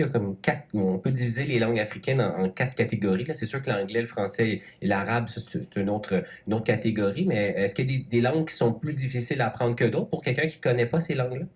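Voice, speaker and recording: A male radio journalist hosting an interview, asking brisk, chatty questions. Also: mid-range voice, animated.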